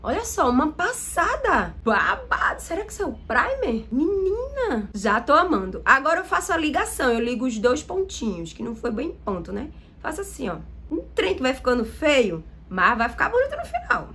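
A woman's voice: sits high, wildly swooping pitch, moderate pace, hardly any pauses, a bit bright. Chatty Brazilian woman reviewing makeup. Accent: Brazilian Portuguese. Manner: chatty and enthusiastic, addresses viewers directly. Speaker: makeup vlogger. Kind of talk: makeup tutorial and product review.

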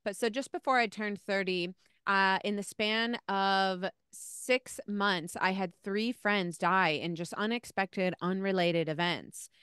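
A woman in her thirties telling a personal story as an interview guest, earnest and animated, on a close mic over a video call. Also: mid-range voice, takes it slowly, clear, resonant tone, no room sound. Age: 30s. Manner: earnest, animated hand gestures. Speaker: guest, spiritual teacher and author. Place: home room, video call. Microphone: handheld-style mic on stand, close.

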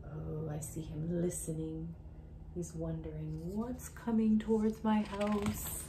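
Her pitch sits fairly low as this woman in her thirties, an educator and children's story reader, leads an interactive picture-book read-aloud for little ones. She stays expressive and sing-song at a slow, deliberate pace, whispering asides and putting questions to the listener. Faint background noise runs through the home recording, made in a small indoor room.

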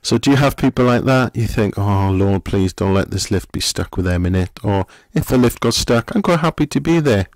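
A middle-aged male pastor with a fairly low voice, preaching in a gentle, questioning, conversational way. He is recorded up close in a dry space with no room echo. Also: lively intonation, moderate pace, hardly any pauses. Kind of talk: sermon.

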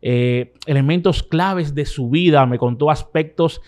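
A man hosts his own interview channel and looks back over the year's conversations in a relaxed, conversational way. His voice is a little high for a man, and he tells it like a personal recap to his viewers. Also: unhurried. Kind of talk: reflective recap narration.

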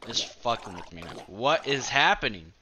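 A man giving casual gameplay commentary as host of his own gaming channel, excitable and profane, trash-talking and breaking into sudden yelps. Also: medium pitch, moderate pace, background noise.

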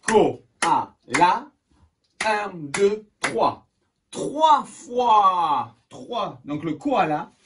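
A man teaching young children in a video lesson, slow and encouraging, clapping out syllables, recorded indoors. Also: fairly high pitch. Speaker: schoolteacher. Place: indoors at home. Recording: distant mic with steady background noise.

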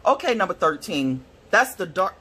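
A woman reviewing art supplies in a casual swatch video, gushing and excitable, gasping and squealing over the colors. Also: fairly low pitch, moderate pace, slightly rough. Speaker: product reviewer.

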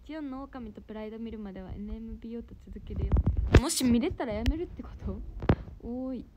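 High-voiced young woman with a Kansai accent. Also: fast, dull audio. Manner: cheerful, chatty, thanks viewers for gifts. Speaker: idol livestreamer. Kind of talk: casual livestream chat reading viewer comments. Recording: noisy livestream audio.

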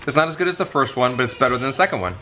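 A man's voice: mid-range voice, animated, very fast, sharp tone, slight background noise, rough recording. A man in his thirties chatting casually and playfully as a vlog co-host, recorded on a camera at arm's length indoors. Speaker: vlog co-host doing a taste test. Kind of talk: casual chat. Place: living room couch, indoors.

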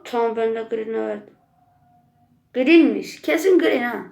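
A gravelly-voiced woman streaming her gameplay and talking over it in casual commentary. Her voice sits a little higher than most women's. She gets worked up fast and curses and shouts at the game. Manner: excitable, swears and yells at the game. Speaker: gaming channel host.

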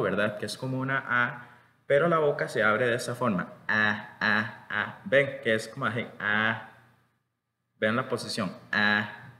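A man from Costa Rica with a Costa Rican Spanish accent, teaching English vowel sounds slowly, repeating each sound and often checking in with his students. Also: medium pitch, sharp tone. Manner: slow, repeats vowel sounds and words many times. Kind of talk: pronunciation lesson. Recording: echoey room with long reverb.

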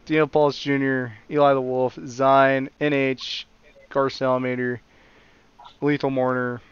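A man's voice: medium pitch, flat delivery, unhurried, smooth, dry recording, highs cut off. A man hosting and commentating a sim racing league, blunt and often exasperated at the crashes. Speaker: race commentator and league host.

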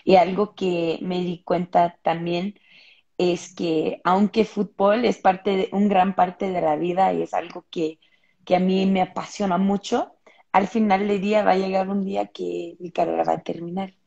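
Gravelly young woman on a video call. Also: lowish voice, little pitch movement, unhurried, dark tone. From Los Angeles, United States. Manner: thoughtful, many fillers and restarts. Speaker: footballer guest. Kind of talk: casual interview answers. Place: home room, indoors. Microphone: earbuds on a video call. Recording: muffled video call audio.

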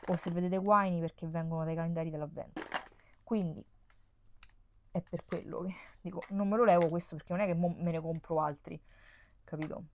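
A woman's voice: fairly low pitch, a little mellow, a little hiss or hum. A young woman, chatting casually and exclaiming often as she sorts through makeup at home. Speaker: beauty vlogger. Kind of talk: casual chat while decluttering makeup. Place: indoors at home, on a bed. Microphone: camera mic, face off-screen.

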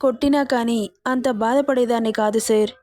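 A woman's voice: a little high, fairly even intonation, moderate pace, darkish tone, lightly acted. A woman voicing a wounded, proud young heroine who speaks earnestly and defiantly in an audio story. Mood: pleading. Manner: pleading then defiant, earnest.

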